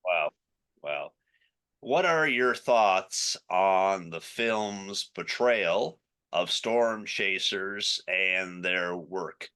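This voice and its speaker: A man's voice: deep voice, expressive, extremely slow, sharp tone, smooth. A man interviewing an actor, asking questions and reacting with enthusiastic admiration.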